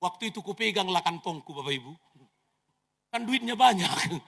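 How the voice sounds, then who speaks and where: A man in his thirties preaching an animated sermon as pastor, telling stories dramatically with sound effects and jokes, in a reverberant church hall. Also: high-pitched, normal speed, gravelly.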